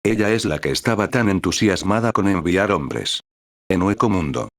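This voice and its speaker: A man voicing a gruff male warrior captain who talks in a teasing, taunting way. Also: deep voice, animated, normal speed, no room sound, clean studio sound.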